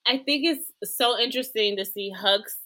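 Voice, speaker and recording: A woman's voice: a little high, moderate pace. A woman from Georgia co-hosting a podcast, chatting casually and expressively about TV shows and acting out scenes as she retells them. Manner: expressive, acts out quotes. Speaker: podcast co-host. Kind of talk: casual chat.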